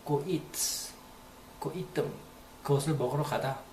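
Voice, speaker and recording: A man's voice: fairly high pitch, slow, darkish tone, reverberant, a little hiss or hum. A man giving a casual, rambling spoken lesson, repeating phrases aloud to demonstrate them. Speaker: English teacher.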